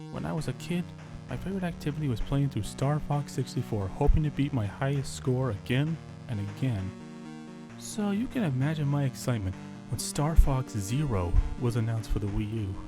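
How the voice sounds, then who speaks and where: A man with a mid-range voice gives a theatrical, dramatic reading of his own scripted first-person horror story. Music plays underneath him, and the recording quality is low.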